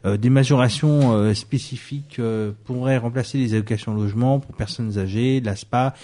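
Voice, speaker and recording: A man's voice: mid-range voice, fairly even intonation, normal speed, dark tone. A man presenting an article on a radio show, speaking hesitantly with frequent fillers. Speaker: news columnist. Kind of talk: radio press review.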